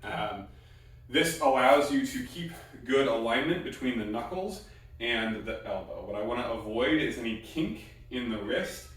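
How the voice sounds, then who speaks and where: A man's voice: mid-range voice, animated, measured pace, a bit bright. A man teaching a martial arts technique, explaining step by step in plain instructional talk with short, repeated cue words. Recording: very echoey room, distant mic.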